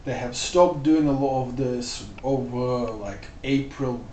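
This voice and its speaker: A man's voice: mid-range voice, slow, a little mellow, a little hiss or hum. Rambling man, roomy distant sound. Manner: loose and rambling, full of "like" and "you know". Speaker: vlogger. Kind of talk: casual spoken commentary.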